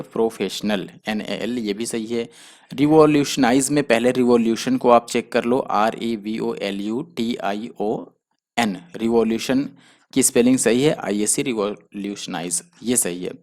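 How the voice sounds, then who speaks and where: A man teaching a spelling lesson for exam students, who explains patiently and spells words out letter by letter. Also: mid-range voice. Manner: explains patiently, spells letters out slowly, often adds "theek hai". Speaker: exam prep tutor.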